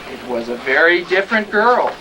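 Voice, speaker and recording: With a slightly high, sing-song voice at a moderate pace, a man performs a children's story in a theatrically melodramatic, mock-serious manner. It comes from a live stage recording that is far off and very noisy.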